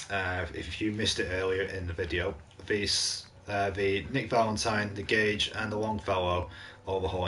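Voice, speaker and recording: A man's voice: low voice, fairly bright tone, a little hiss or hum. A man hosting a gaming channel, giving a casual mod review commentary in an off-hand way, reading descriptions aloud with blunt asides, his voice starting to go.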